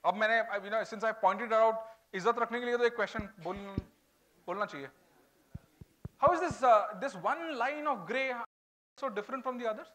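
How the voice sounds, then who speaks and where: A high-pitched man with an Indian accent speaks quickly from a stage. His delivery is informal and conversational, in the way of a corporate speaker taking questions from an audience. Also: fairly bright tone, poor audio. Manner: informal, switching between English and Hindi. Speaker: corporate HR speaker at a college event. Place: large auditorium stage.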